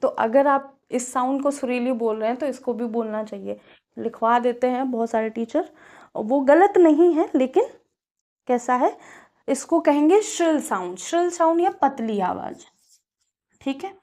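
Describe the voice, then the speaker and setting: Woman teacher, Kanpur Hindi accent, fairly high voice, explaining a physics lesson, repeats key words, fills pauses. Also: expressive, dark tone. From India.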